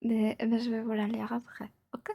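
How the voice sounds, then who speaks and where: A young woman streaming from home on a close mic, chatting playfully with her viewers, giggling, swearing and slipping into soft whispers. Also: a little high, little pitch movement, moderate pace, vocal fry, no room sound, dull audio. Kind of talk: casual live stream chat.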